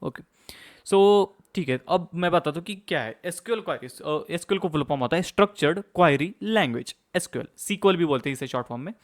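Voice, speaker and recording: A young man teaching a course over a screen share, talking fast in a casual way and checking in often with "okay". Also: fairly high pitch, expressive. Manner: fast-talking, mixes English terms into Hindi, frequent "okay, theek hai" check-ins. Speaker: course instructor.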